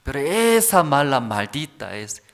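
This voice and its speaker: Bitter mourning parent, accusing lament, middle pitch, put on by a preacher. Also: male voice, very animated, unhurried. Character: grieving parent blaming the other's child.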